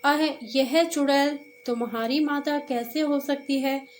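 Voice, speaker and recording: A woman voicing a stern landlord father in a read-aloud story, speaking slowly in a high voice. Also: fairly even intonation, slight background noise.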